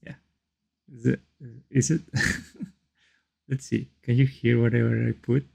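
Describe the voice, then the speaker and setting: A man who is not a native English speaker, giving casual live stream commentary and thinking aloud in a halting, repetitive way. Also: mid-range voice, flat delivery, vocal fry, dark tone. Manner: halting, repeats phrases and questions to himself. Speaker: streamer reacting to a video.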